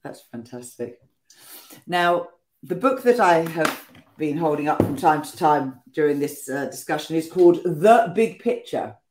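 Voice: mid-range voice, lively intonation, a little slow, darkish tone, a little hiss or hum. A podcast host leading a casual interview in a friendly, chatty way, stumbling over words now and then.

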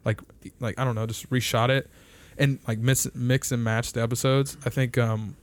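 A man's voice: medium pitch, level tone, moderate pace, dry recording. A young man hosting a casual podcast, rambling, laughing often and swearing loosely. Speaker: podcast host.

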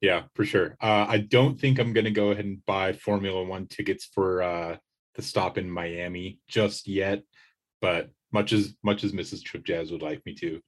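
A man's voice: low-pitched, steady tone, moderate pace. A man speaking as a sports beat writer in casual podcast chat, conversational and wry.

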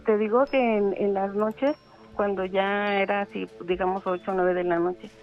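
Casting: middle-aged woman caller, halting and full of fillers, tinny phone line, faint music behind. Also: medium pitch, steady tone. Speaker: caller telling a ghost story. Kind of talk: casual phone storytelling.

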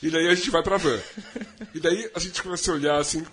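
Brief: man, radio host, slightly high voice, playful teasing delivery, crowd noise behind. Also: fairly even intonation, quick pace. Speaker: radio host interviewing a band. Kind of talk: joking radio interview. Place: radio studio.

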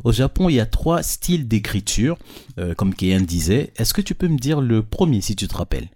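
A man with a fairly low voice leads a casual classroom lesson for children, speaking into a handheld microphone. He explains step by step with patience. He keeps checking that the kids follow along. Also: very animated, a little fast, darkish tone. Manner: patient, checks understanding with frequent questions. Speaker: teacher.

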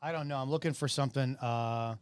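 A man's voice: mid-range voice, a little fast, clean tone, no room sound. A middle-aged man co-hosting a comedic talk show, telling stories in a rambling, profane way. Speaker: radio show co-host. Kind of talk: casual comedic chat.

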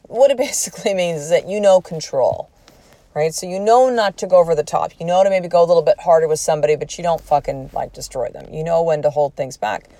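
A woman's voice: lowish voice, quick pace, no echo. Woman in her 40s, podcast host, candid storytelling, swears freely, acts out quoted speech, dry close sound. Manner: candid and profane, animated retelling with quoted speech. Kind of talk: personal storytelling monologue.

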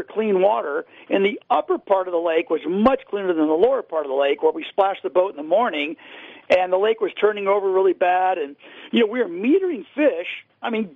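A man's voice: high voice, no room sound. A man chatting casually and at rambling length as a radio guest over a tinny phone line. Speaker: interview guest, angler. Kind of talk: casual radio interview chat. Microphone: phone call.

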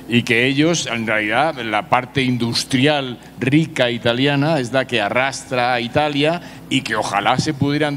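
A medium-pitched man with a Spain accent speaks in an unscripted discussion. He is tentative and rephrases as he goes, over a faint background noise. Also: fairly bright tone. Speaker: discussion participant.

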